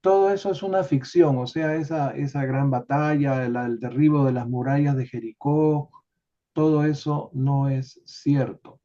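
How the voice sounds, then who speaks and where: A man leading an online study group, explaining a text in an unhurried way with many tag questions, over a video call. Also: mid-range voice, steady tone, dark tone. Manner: unhurried, adds filler tags and restarts. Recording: dull lo-fi call audio.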